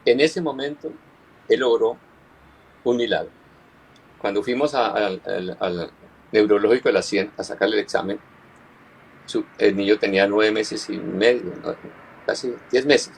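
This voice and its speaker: Pastor guy telling his testimony, kinda husky low voice, earnest, stumbles and repeats himself. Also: fairly even intonation, poor audio. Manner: earnest, halting, repeats words while recounting. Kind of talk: personal testimony in conversation.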